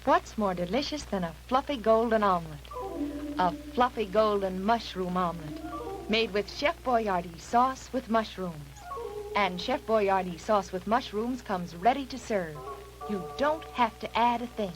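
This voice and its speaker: A woman's voice: mid-range voice, animated, unhurried, poor audio. A woman voicing a 1950s TV cooking commercial in a sweet, coaxing demonstrator tone, heard as old broadcast audio. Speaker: commercial voice-over. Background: music.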